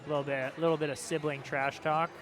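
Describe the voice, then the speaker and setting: Man co-commentator, slightly high voice, chatty pinball play-by-play, laughs a lot. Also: flat delivery, quick pace. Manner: chatty, self-deprecating, laughs often. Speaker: co-commentator at a pinball tournament stream. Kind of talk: casual live play-by-play commentary. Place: pinball arcade bar.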